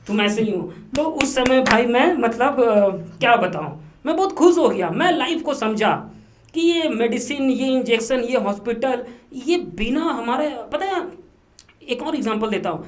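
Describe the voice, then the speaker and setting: A man talking as a podcast guest, telling a story in a lively, repetitive way and dropping English words into his speech. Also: very high-pitched, moderate pace. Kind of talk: casual storytelling interview. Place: podcast studio.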